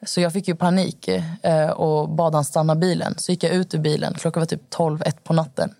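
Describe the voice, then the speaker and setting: A young woman with a very low, gravelly voice tells a personal story in a rambling way, full of fillers. Her delivery stays flat and her tone is dark. The sound is dry and close. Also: no echo. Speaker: podcast guest. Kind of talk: personal account in casual conversation.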